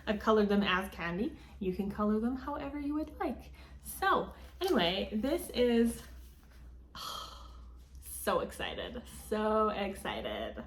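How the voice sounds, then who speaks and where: A woman chatting casually through a book haul, rambling with frequent ums and likes, filmed as a phone video. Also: a little high. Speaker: book vlogger. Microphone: phone camera. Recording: roomy phone recording, faint ambience.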